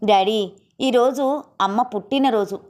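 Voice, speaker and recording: Lady reading as a sad earnest little schoolgirl, pleading, voice on the high side. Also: measured pace, darkish tone, lightly acted. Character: young schoolgirl missing her late mother.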